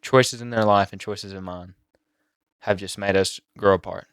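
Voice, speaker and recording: A teenage boy with a low voice talks straight into a close, dry mic. He halts and restarts a lot, emotional and on the edge of tears. It sounds like a personal vlog confession. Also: fairly even intonation, clean tone, dry recording. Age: teens. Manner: emotional, halting with many fillers and restarts. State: near tears. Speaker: YouTuber.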